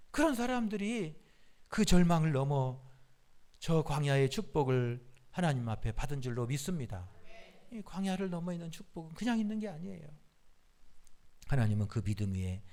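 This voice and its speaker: A man preaching a fervent sermon, his voice riding high for a man. He drives his points home with repeated questions and cries of hallelujah, swinging between loud pleading and quiet, low-pitched urging. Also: gravelly. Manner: impassioned, repetitive rhetorical questions, calls of hallelujah. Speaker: pastor.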